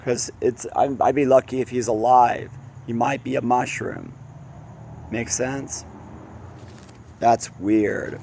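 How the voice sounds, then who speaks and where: Slow, gravelly-voiced man for a casual book reading with rambling tangents. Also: medium pitch, steady tone, darkish tone, slight background noise. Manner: breaks off with laughs and personal tangents; stumbles and self-corrects while reading. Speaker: reader of a fantasy novel. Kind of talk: casual read-aloud with rambling asides.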